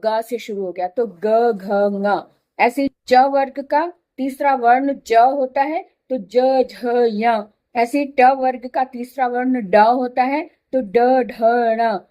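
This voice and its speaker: A woman's voice: fairly high pitch, mellow. A woman teaching a Hindi grammar lesson, patiently repeating letters and examples one by one. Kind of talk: slow explanatory lesson.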